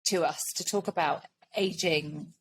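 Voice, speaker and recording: A woman's voice: deep voice, a little slow, a little hiss or hum. A British woman in her late forties hosting a podcast, chatting casually and laughing often. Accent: British English. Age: 40s. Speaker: podcast host.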